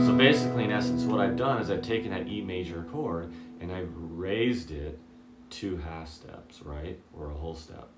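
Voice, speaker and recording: A man with a very low voice gives a casual guitar lesson in an echoey room. He checks in often with "okay?" and "does that make sense?"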